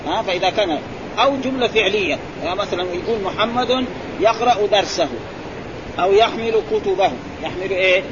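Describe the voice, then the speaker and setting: A sheikh with a lilt teaches Arabic grammar in a classroom, speaking quickly in a high register. He quizzes his students constantly, prodding them with repeated "eh?" and "ha?" as he explains. The recording is muffled, with chatter and traffic audible around him.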